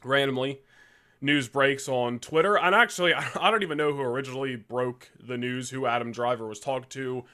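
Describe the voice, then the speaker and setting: A man's voice: medium pitch, fairly quick, bright, forceful tone. A young man co-hosting a podcast, chatting casually with loose slang and frequent laughter. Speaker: podcast co-host. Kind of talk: casual chat.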